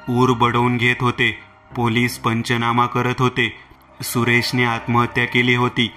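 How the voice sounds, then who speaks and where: A man narrating a horror story in a steady, scripted reading voice. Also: mid-range voice.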